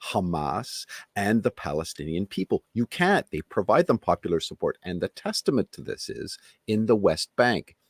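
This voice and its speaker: Low-voiced frank man, dry sound. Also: sing-song, normal speed, slightly rough, no echo. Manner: frank, chuckles while making points. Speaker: retired military officer guest. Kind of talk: podcast discussion.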